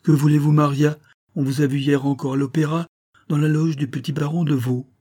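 An impatient young dandy in his twenties, jealous and pleading in an agitated rush, as a male reader puts him on. The voice sits higher than the reader's usual, warm and mellow, with a husky grain. It sounds like a storybook read aloud. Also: little pitch movement, a little fast, natural voice.

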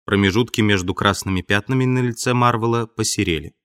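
A man narrating an audiobook in a measured, even storytelling manner. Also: lowish voice, clean tone, no echo, studio quality. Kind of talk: scripted narration.

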